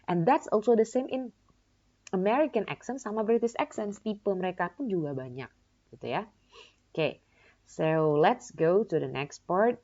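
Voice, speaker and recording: A woman's voice: medium pitch, lively intonation, a little slow, dark tone. A young woman from Indonesia teaching an English pronunciation lesson, mixing two languages and asking herself questions. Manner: explains in two languages, asks and answers her own questions, many "ya kan" tags. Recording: dull lo-fi recording.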